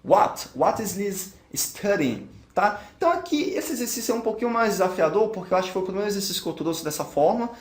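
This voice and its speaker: Brazilian guy teaching english grammar, kinda high voice, talks thru each answer, roomy sound. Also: lively intonation, very fast, few pauses. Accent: Brazilian Portuguese. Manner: steps through each answer aloud, checking it. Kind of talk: explaining a grammar exercise.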